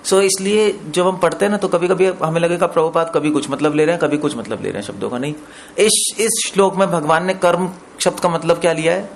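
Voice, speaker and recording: A man with a fairly high voice teaching scripture to a gathering, pausing to quiz his listeners and slipping English terms into his explanation. A faint hiss sits under the recording. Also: vocal fry. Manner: explains with questions to listeners, mixes in English words. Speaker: preacher. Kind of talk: scripture discourse.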